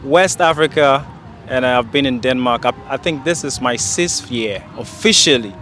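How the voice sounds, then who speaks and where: A man's voice: mid-range voice, moderate pace, pushed and bright, soft background music. A man from Ghana answering a street interview in a park, playful and a little hesitant, into a handheld mic. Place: outdoors in a park. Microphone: handheld mic held by interviewer.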